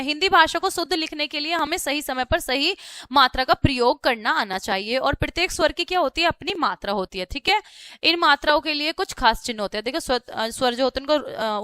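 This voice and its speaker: A woman teaches a children's grammar lesson in a clear, bright voice that sits high. She sounds words out letter by letter, asks questions and answers them herself, and keeps checking in with the class. The recording is dry, with no room sound. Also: expressive, fast, no echo. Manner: explains step by step, asking and then answering her own questions; repeats "ठीक है" often as a check-in.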